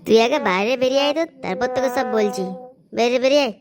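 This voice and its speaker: A woman's voice: a little high, rapid-fire, music in the background, close to an everyday voice. A woman voicing a pushy young man in a cartoon, urging his friend along in an insistent, bossy way. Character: pushy young village guy, nagging friend. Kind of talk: animated cartoon voice acting.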